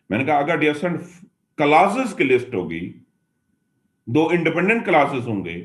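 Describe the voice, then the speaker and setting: A man teaching English grammar in a classroom lecture, explaining patiently and repeating his points as he addresses his students. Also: medium pitch. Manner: mixes Hindi and English mid-sentence.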